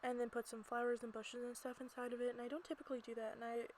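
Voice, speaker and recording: Quick and chatty, a woman with a fairly high, darkish voice and little pitch movement rambles and giggles through her gameplay commentary. She's an amateur creator recording in a small closet at home, with noticeable background noise.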